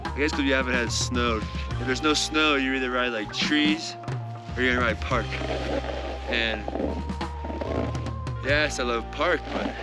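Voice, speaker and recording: A man's voice: medium pitch, unhurried, long pauses, loud music behind the voice. Laid-back young man vlogging on skis. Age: young adult. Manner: laid-back, chatty, lots of "like" and "dude". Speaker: vlogger skier. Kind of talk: casual vlog talk. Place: outdoors on snowy ski slopes among trees. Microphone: action camera held at arm's length.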